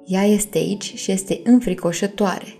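A woman voicing a mad, witch-like woman in a storybook reading, speaking very slowly and deliberately in a hushed tone. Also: medium pitch, vocal fry, soft background music, close to an everyday voice. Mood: eerie slow. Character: mad old witch-like woman, eerie and brooding.

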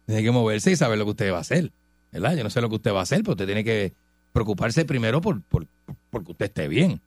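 A man's voice: fairly low pitch, big pitch swings, fast, darkish tone, dry recording, studio quality. A middle-aged man with a Puerto Rican accent hosting a radio show in casual, emphatic banter, full of rhetorical questions.

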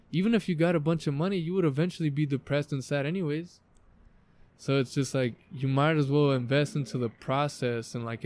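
A man's voice: medium pitch, darkish tone. A man with an American accent hosting a podcast in a backyard, chatting informally and emphatically with frequent swearing in a motivational way. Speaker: podcast host. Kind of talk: casual motivational podcast chat. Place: outdoors in a backyard.

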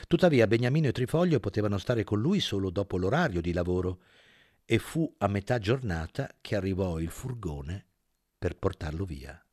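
A man's voice: lowish voice, a little mellow, no room sound, clean studio sound. Male audiobook narrator, dramatic. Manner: dramatic, measured storytelling. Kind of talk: scripted narration.

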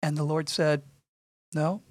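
A middle-aged man speaking earnestly and in a measured way, sharing a personal testimony in conversation. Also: on the high side, vocal fry, dry recording. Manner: earnest, measured, repeats phrases for emphasis. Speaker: guest speaking on faith and suffering.

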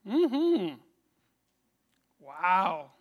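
A man voicing a scheming, seductive rich woman, coaxing and teasing in breathy whispers. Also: high voice, wildly swooping pitch, very slow, dull audio, slight background noise, exaggerated voice.

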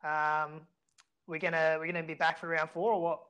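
A man's voice: fairly high pitch, level tone, normal speed, bright, forceful tone, smooth. An Australian man co-hosting a sports podcast in casual chat, laid-back and full of blokey slang. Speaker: fantasy rugby league podcast host.

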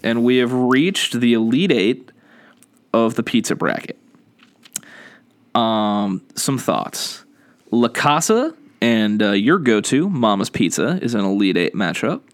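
A man chats casually into a podcast mic, slow and unhurried. His pitch rises and falls widely as he rambles, restarts his sentences and leans on fillers. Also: very animated. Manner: rambling, laughs often, many fillers and restarts. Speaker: podcast host. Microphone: studio microphone.

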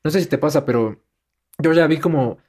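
A man's voice: fairly high pitch, a little fast, a little mellow. A young man with a Mexican Spanish accent telling stories in a casual chat and animatedly mimicking other people.

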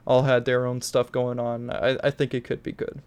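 A man with a blocked, congested nose hosts a casual podcast in a smooth, clear voice. He rambles and swears freely. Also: mid-range voice, flat delivery, normal speed, a little mellow. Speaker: podcast host. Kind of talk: casual chat.

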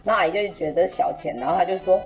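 A young woman with a Taiwanese Mandarin accent telling a story on a podcast, animated and laughing, acting out an old customer's lines in Taiwanese. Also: on the low side, rapid-fire, faint music behind. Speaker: podcast host. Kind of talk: casual chat, storytelling.

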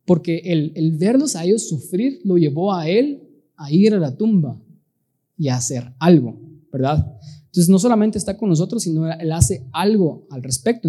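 Male preacher, sermon, very mellow dark voice, husky, earnest and emphatic. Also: sits high. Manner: earnest, emphatic, frequent rhetorical questions to the audience.

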